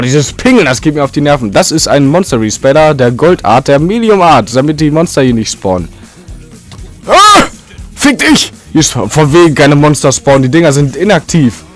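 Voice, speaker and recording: A young man giving casual, rambling commentary over his own gameplay, with sudden jumpy outbursts. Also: mid-range voice. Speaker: let's play commentator.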